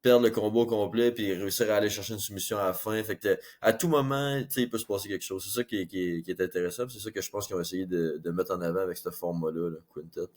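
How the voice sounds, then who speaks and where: A man's voice: fairly low pitch, fast, hardly any pauses, darkish tone. A man with a Québécois accent, a team captain eagerly explaining things in a casual interview, with many repeated fillers.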